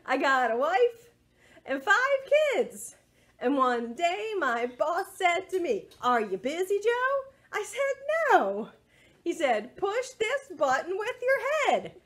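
A middle-aged woman leads a children's storytime, reading aloud and doing action songs in a playful, sing-song manner. Her voice is very high and fairly bright, with big pitch swings and a slow pace. She was recorded indoors on a device a little distance away.

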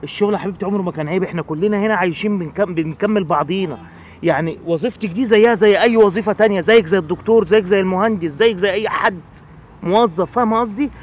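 A man's voice: high voice, slight background noise, lightly acted. A man with an Egyptian accent playing a protective neighborhood man who lectures in a fatherly, insistent way. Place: outdoors on a city street.

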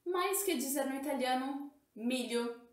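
Slow, clear-spoken woman teaching Italian. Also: sits high, reverberant. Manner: explanatory, slow, checks in with "tá?". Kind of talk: language lesson.

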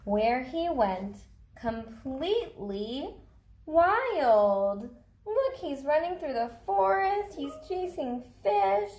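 In a small indoor cardboard fort, a woman in her thirties reads a picture book to young children, drawing out her words and asking them simple questions. Her voice is high, very animated and darkish in tone, and the space sounds roomy.

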